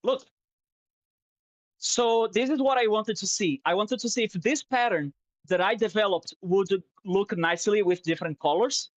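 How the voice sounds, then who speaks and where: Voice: medium pitch, moderate pace, no echo. A streamer chatting casually while drawing, rambling and swearing, openly sentimental, on a headset mic.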